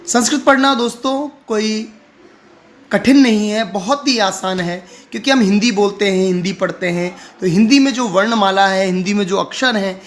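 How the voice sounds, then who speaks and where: Man teaching Sanskrit pronunciation patiently. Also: sits high. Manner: slow, deliberate chanting of Sanskrit lines; patient, repeats words for the learner. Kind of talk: explaining reading and pronunciation.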